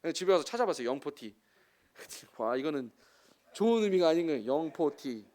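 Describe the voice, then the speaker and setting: A man's voice: fairly high pitch, sing-song, fairly quick, darkish tone. Chatty Jeolla-accented man preaching. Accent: Jeolla Korean. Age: 40s. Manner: chatty, joking asides to the congregation. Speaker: missionary preacher. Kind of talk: sermon.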